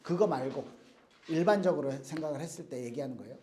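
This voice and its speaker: A man's voice: a little high, quick pace, dark tone, echoey room, a little hiss or hum. A man giving a casual youth sermon, telling stories in plain speech and acting out the quotes himself. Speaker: youth pastor. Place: church youth service room.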